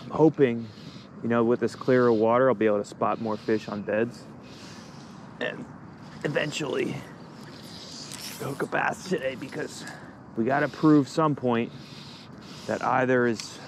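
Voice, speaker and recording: Speaking slowly with vocal fry and frequent pauses, a man hosts a fishing vlog beside a pond, chatting informally with a bit of slang. His pitch is medium and his tone steady, and the outdoor background is noisy.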